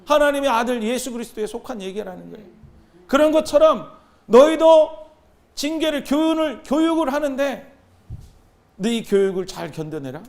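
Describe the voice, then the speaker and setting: A male pastor in his thirties delivers a sermon with a high, ringing voice. He is animated and keeps calling out to the congregation for answers. His delivery swings between loud exhortation and soft asides. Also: brisk, vocal fry. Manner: animated, call-and-response with the congregation.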